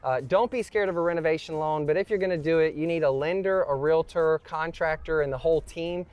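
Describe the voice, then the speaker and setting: A man's voice: on the high side, brisk, smooth, no room sound, muffled recording. A man hosting a house walkthrough, explaining prices and renovation costs in a joking, talkative way. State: out of breath after climbing. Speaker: real estate host. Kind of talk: walkthrough commentary.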